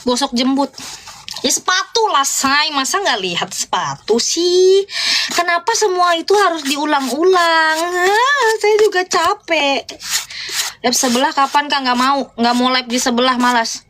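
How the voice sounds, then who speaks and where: Young female live streamer, higher-pitched, chatty, talks into a phone to her viewers. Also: moderate pace, fairly bright tone. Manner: chatty, answering viewer comments and telling gossip. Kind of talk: casual live-stream chat.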